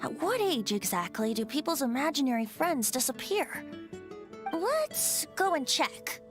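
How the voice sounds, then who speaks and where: A woman's voice: high voice, sing-song, unhurried, music in the background. A woman voicing a playful, boyish young bard in a video game, with a theatrical, teasing manner. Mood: musing, teasing.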